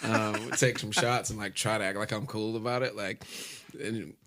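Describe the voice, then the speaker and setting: A man's voice: lowish voice, steady tone, moderate pace, noisy background. A man hosting a podcast in casual chat, loose and laughing, with a lot of fillers and swearing. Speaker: podcast host.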